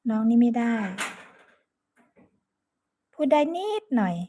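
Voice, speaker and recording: A woman's voice: on the high side, expressive, slow pace, dark tone, a little hiss or hum. A woman with an Isan accent chatting casually on a live stream, greeting and thanking viewers by name. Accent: Isan (Northeastern Thai). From Sakon Nakhon, Northeast Thailand. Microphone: phone.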